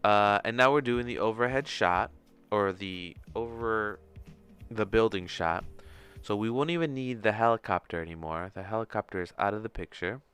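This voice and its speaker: An animator hosting a casual screen-share tutorial livestream thinks aloud, informally murmuring his way through the steps. His voice is low, clear, and a bit bright at a normal speed, with music underneath.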